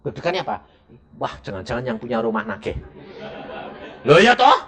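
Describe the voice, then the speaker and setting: A middle-aged male evangelist, preaching a sermon as a lively story and acting out the dialogue. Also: brisk. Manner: animated, acts out dialogue with sharp pitch jumps.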